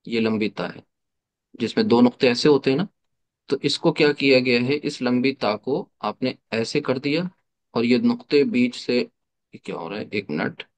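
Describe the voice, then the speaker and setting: A man's voice: medium pitch, normal speed. A man teaching an online class, explaining step by step, asking rhetorical questions and mixing English terms into his explanations. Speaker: Arabic teacher.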